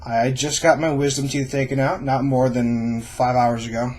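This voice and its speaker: A man's voice: mid-range voice, flat delivery, moderate pace, darkish tone. Casual, reassuring young man explaining things. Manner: informal, reassuring. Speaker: vlogger sharing own surgery experience. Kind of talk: casual explanatory vlog to camera.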